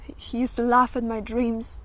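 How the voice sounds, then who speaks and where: A woman playing a weary, fragile yet fervent young actress in a theatrical monologue, with a halting, emotionally wavering delivery. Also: fairly high pitch, completely flat delivery, fairly bright tone, natural voice. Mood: downcast, wistful.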